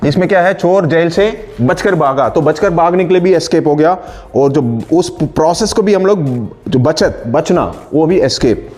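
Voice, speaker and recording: A man teaching English grammar in Hindi, explaining words slowly and reading out English example sentences. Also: fairly high pitch, a little mellow, faint music behind. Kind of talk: online spoken-English lesson in Hindi.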